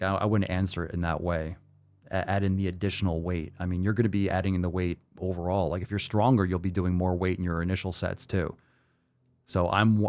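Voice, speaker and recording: A man in his late thirties hosting a fitness livestream, answering viewer questions in a loose, conversational way that thinks out loud with fillers and restarts. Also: low-pitched, dry recording. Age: 30s.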